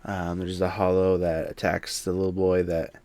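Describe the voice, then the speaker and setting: A man's voice: low-pitched, monotone, moderate pace, a little mellow, no room sound. A man streaming a game from his home office, chatting casually and self-deprecatingly with many restarts. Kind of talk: casual gameplay commentary.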